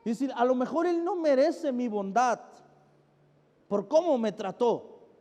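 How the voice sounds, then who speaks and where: A Mexican man in his thirties preaching a sermon as a pastor, stressing words loudly and then dropping soft, calling for amens. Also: very high voice, expressive, unhurried. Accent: Mexican Spanish. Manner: emphatic, shifts between loud stress and soft drops, calls for amens. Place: large church hall. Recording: echoey church hall with music behind.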